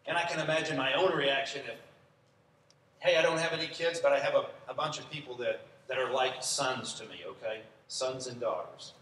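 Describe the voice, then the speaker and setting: A man's voice: medium pitch, steady tone, brisk, a bit bright, slight background noise. A man preaching a sermon in a church, speaking conversationally and asking the congregation questions. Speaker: pastor. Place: church sanctuary. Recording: echoey church room, from a distance.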